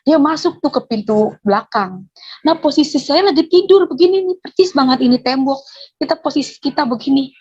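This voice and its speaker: A woman's voice: high voice, expressive, a little fast, a little mellow, highs cut off. A woman giving a personal faith testimony, telling her story with animation and acting out the dialogue. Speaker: testimony speaker.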